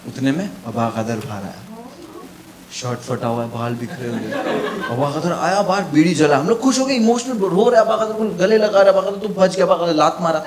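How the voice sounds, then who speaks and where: A man doing stand-up comedy, telling an animated story and shouting out his friends' lines. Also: fairly high pitch, a little fast. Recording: echoey venue with loud laughing crowd.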